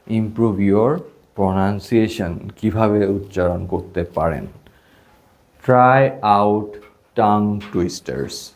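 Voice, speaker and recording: Leading a classroom English lesson, a young Bangladeshi man with a Bengali accent jokes around casually and blends English phrases into what he says. His voice sits fairly low and sounds a little mellow.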